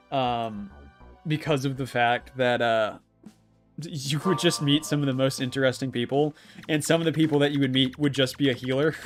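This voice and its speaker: A man livestreaming while he plays, chatting casually with many fillers, restarts and chuckles, over a gaming stream. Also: a little high.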